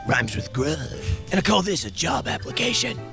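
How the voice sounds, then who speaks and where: A man's voice: fairly high pitch, sing-song, normal speed, creaky. A man voicing Grug, a dim and cheerful cartoon caveman who proudly names things, goofy with yelps and groans. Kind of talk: cartoon voice acting. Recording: music playing behind.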